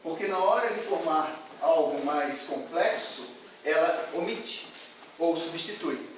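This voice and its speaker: A man explains during a student class presentation in loose, rambling phrasing. His fairly high voice is heard from a distance in a very echoey classroom, with faint hiss. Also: lively intonation, slow.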